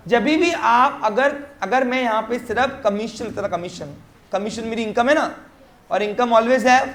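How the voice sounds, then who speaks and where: A man teaching a commerce class in a classroom, explaining step by step and often quizzing his students with short check questions. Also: very high-pitched. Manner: mixes English terms into Hindi explanation. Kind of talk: classroom lecture. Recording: roomy classroom echo.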